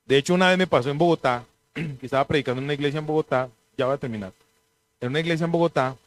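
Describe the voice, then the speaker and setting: Lively preacher man. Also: fairly high pitch, a little fast, long pauses, no room sound. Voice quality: clears throat now and then. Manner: animated storytelling, mimics voices in anecdotes. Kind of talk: sermon.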